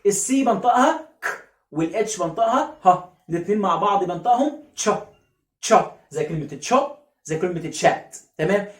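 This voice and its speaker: A man with an Egyptian Arabic accent teaching a phonics lesson, stretching out and repeating each sound slowly, and asking questions that he answers himself. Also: high voice, expressive, echoey room.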